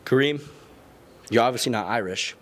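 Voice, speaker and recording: A man's voice: medium pitch, moderate pace, fairly bright tone. A young man doing casual, joking street interviews as a student reporter, slangy and upbeat.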